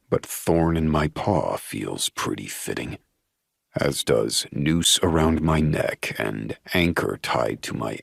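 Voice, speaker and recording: A man narrating a romance audiobook in the first person, brooding and measured. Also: very deep voice, vocal fry, slightly rough, dry recording, studio quality.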